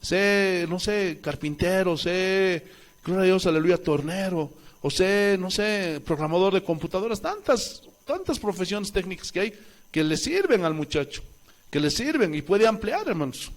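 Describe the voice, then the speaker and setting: Man, pastor, Bolivian Spanish accent, high voice, church sermon, rhetorical questions, loud then hushed. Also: lively intonation, moderate pace. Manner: preaching with rhetorical questions to the congregation; swings between loud emphatic calls and low soft asides.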